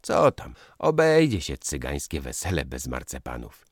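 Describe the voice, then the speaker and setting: A man voicing an elderly, pious aunt in a slow, sing-song falsetto. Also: wildly swooping pitch, dry recording, studio quality, exaggerated voice.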